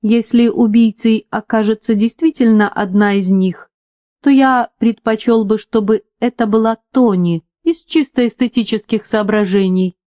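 Woman reading as a dry, detached gentleman sleuth. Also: on the high side, moderate pace, dull audio, lightly acted. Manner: detached, laconic. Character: calm, dry-witted male amateur detective.

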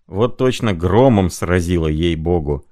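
A man's voice: sits low, animated, a little slow, mellow, no echo, clean studio sound. A man voicing an exclaiming, sensitive young clerk. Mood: incredulous.

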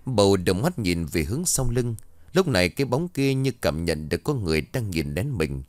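A man narrating a ghost story dramatically, slowing for suspense. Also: on the low side, very animated, darkish tone, no room sound.

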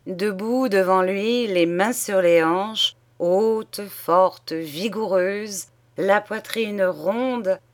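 A woman reading a classic short story aloud in a measured, deliberate way. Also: mid-range voice. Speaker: audiobook reader. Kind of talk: literary narration.

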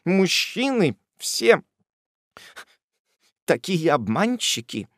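A man's voice: high voice, sing-song, very slow, a bit bright, no room sound, clean studio sound, pitched above the performer's own voice, exaggerated voice. A man voicing a shy, sentimental unmarried middle-aged aunt who speaks coyly, with a fluttering manner, in a storybook reading.

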